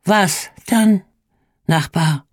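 A reader voicing a frail, gentle older village woman in a storybook reading, soft and earnest. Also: medium pitch, extremely slow, dry recording, clean studio sound, pitched above the performer's own voice. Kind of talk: audiobook reading.

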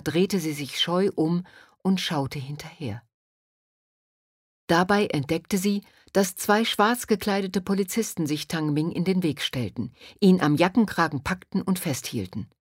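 Low-voiced woman reading a story. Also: husky, no echo, studio quality. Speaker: narrator. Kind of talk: audiobook narration.

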